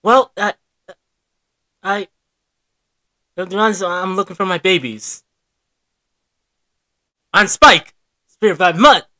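A woman voicing a big, goofy male talking dog in a cartoon, blunt and gruff in manner. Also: mid-range voice, takes it slowly, pauses often, bright, forceful tone, dry recording, studio quality.

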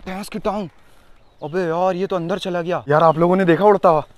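Excited man vlogging outdoors. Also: high-pitched, fast. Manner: excited, talks to camera, whispers when creeping closer. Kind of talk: casual vlog narration while searching. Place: outdoors in thorny scrubland.

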